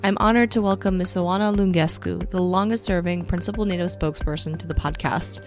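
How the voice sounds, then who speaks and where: A woman's voice: on the low side, steady tone, a little fast, soft background music. Polished woman podcast host. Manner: polished and formal, then conversational. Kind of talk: scripted intro and interview questions.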